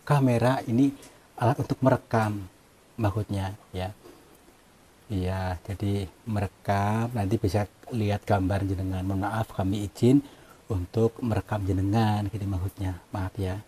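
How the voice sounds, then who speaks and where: A man's voice: fairly low pitch, fairly even intonation, a little slow, dark tone, a little hiss or hum. Hesitant apologetic man in a cave. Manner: hesitant, apologetic, many fillers. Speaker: cave-exploring vlogger. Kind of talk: hushed polite on-location talk.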